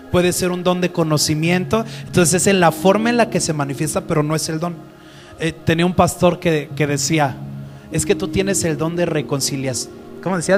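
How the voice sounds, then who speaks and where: A man teaching the Bible to a group in a conversational way, often asking them questions. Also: on the high side.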